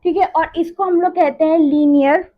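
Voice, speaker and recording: A woman teaching maths keeps things relaxed and chatty, her very high voice moving at a moderate pace. It's a casual classroom lesson where she repeats each step and checks in with students regularly. The audio sounds dull.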